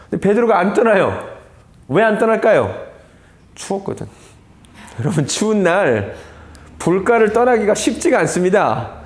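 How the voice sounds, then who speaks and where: 생동감 있게 설교하는 남성 성경 강사. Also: male voice, high-pitched, a little mellow. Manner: storytelling with dramatic pauses, drops to a whisper for emphasis; acts out quoted lines, asks the audience questions. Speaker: Bible teacher. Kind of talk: Bible lecture sermon.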